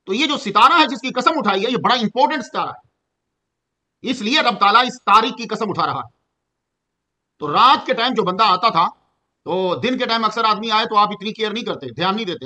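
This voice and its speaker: A middle-aged man from Pakistan giving a Quran commentary lesson, explaining at an easy pace and slowing down to chant the Arabic verses. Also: high voice, sharp tone. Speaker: Quran teacher.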